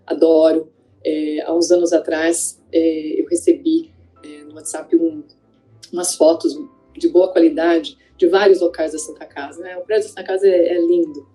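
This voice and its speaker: A woman's voice: low-pitched, level tone, normal speed, mellow, soft background music, poor audio. A woman, an ophthalmologist looking back on her career in a conversational way, with frequent fillers and tag questions. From Greater São Paulo, Brazil. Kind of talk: reflective interview testimony.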